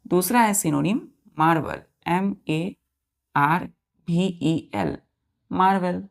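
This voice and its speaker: Woman, vocabulary teacher, low gravelly voice, spells and drills words for kids. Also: slow. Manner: spells words letter by letter, repeats and quizzes pupils; addresses listeners as children. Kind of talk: classroom-style lesson.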